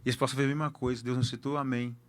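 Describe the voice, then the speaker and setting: A man's voice: medium pitch, flat delivery, very fast. A man with a Brazilian accent, a pastor telling a personal testimony emphatically and repeating key words for effect.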